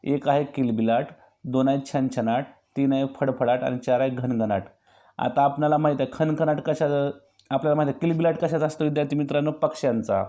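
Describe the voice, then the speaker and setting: A man's voice: mid-range voice, fairly even intonation, brisk, dark tone. A man teaching young pupils, going through each quiz option and patiently answering his own questions. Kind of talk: exam-practice lesson for young pupils.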